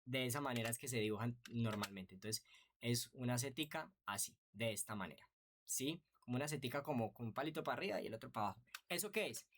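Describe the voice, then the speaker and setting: A man's voice: mid-range voice, lively intonation, fast, a bit bright. A man teaching an online music theory lesson, patient and explanatory, often checking in with rhetorical questions.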